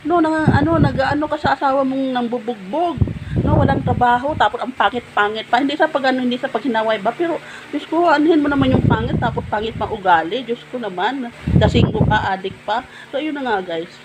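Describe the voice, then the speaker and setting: A woman's voice: fairly high pitch, brisk. A woman vlogger casually telling a personal story to her viewers, chatty and full of fillers. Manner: chatty, addresses viewers as guys, many fillers like ano. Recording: noisy background.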